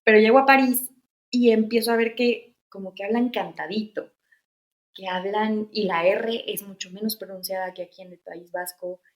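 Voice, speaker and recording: A woman's voice: mid-range voice, steady tone, moderate pace, dull audio. Mexican woman, 30s, casual storytelling with lots of "este" and "o sea", echoey room. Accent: Mexican Spanish. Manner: chatty, many fillers and restarts. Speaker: interview guest.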